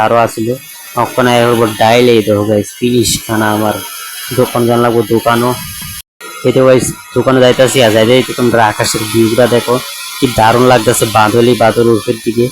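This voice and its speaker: Hoarse male vlogger, monotone chatty voice-over over loud music. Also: medium pitch, rough recording. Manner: chatty, keeps addressing viewers as guys. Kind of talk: casual voice-over vlog narration.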